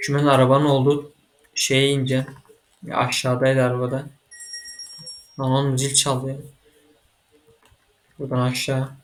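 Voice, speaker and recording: Excitable man narrating his gameplay. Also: medium pitch, moderate pace, pauses often, a little hiss or hum. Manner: excitable, frustrated, swearing at the game. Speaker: gaming channel host. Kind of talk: let's-play commentary.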